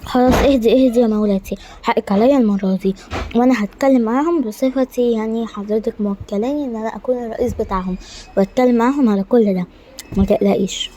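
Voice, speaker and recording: A woman's voice: fairly high pitch, fast talker, dark tone, a little hiss or hum, close to an everyday voice. A woman with an Egyptian Arabic accent voicing a male palace servant who stammers through defensive protests. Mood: placating.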